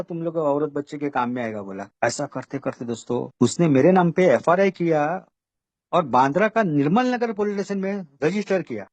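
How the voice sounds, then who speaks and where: A man's voice: a little high, darkish tone, dry recording. A man sharing his recovery story at an online meeting. He talks in a rambling way and keeps repeating "bola" and "doston". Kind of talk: personal recovery testimony.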